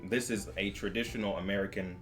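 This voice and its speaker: A young man with a fairly low voice leads a casual beer tasting and explains how farmhouse ales are brewed. He cracks jokes while he talks, and faint music plays behind him. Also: fairly even intonation, fast talker. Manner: joking, explains beer styles at length. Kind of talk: casual chat.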